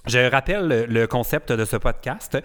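A man with a Quebec French accent hosting a podcast, lively and chatty, laughing often. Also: medium pitch, moderate pace. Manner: lively, laughs often, jumps into playful imitations. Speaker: podcast host. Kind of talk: casual podcast chat.

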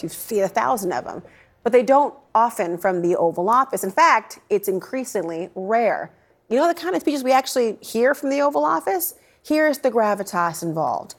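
A woman's voice: medium pitch, breathy edge. Emphatic woman anchoring the news. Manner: emphatic, direct to camera. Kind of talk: scripted news presenting.

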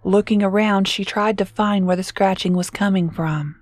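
A woman reading a scripted horror story in a slow, measured way, drawing out the suspense. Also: mid-range voice, fairly even intonation, darkish tone, no echo. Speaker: narrator.

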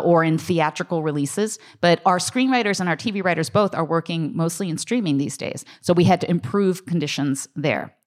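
A woman speaking as a writers' union representative, explaining contract points off the cuff in an emphatic, colloquial way, often checking in with the listener. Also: low-pitched. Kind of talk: unscripted explanatory talk on contracts.

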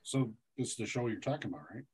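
A man's voice: medium pitch, fast talker, darkish tone, slightly rough. North dakota guy co-hosting, asks questions kinda loose, pokes fun at himself. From rural North Dakota. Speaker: podcast co-host. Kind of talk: casual chat.

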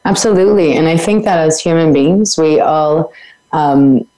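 Mellow-voiced woman guest thinking aloud. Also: deep voice, moderate pace, poor audio. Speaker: interview guest. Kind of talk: reflective conversational interview.

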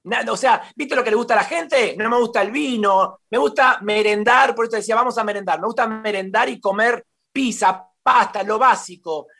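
Argentine man, guest theater columnist, high voice, gushing and repetitive, stumbling restarts. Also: normal speed, creaky, hardly any pauses, pushed and bright. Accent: Rioplatense Spanish. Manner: effusive, repeats himself, many restarts. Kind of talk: casual interview chat.

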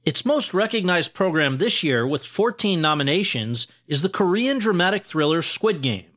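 Male podcast host, bright tone, somewhat high, measured formal delivery. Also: animated. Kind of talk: scripted intro then interviewing.

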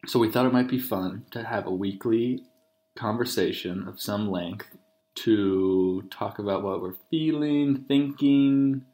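A thirty-year-old man hosts a podcast with his partner at home, chatting casually while joking and teasing as they sit at the kitchen table during a meal. His voice is lowish, mellow and a little slow. The home recording is roomy and echoing.

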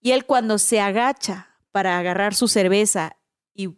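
A woman with a Mexican accent, telling a story in a casual, animated way, full of slang and tag questions. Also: medium pitch, moderate pace, clean tone, dry recording, studio quality. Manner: animated, slangy, tags lines with "¿no?" and "güey".

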